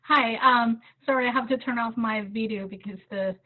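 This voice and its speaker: Halting woman reporter on a tinny video call. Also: on the high side, fairly even intonation. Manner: halting, searching for words. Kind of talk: asking a question at a press briefing.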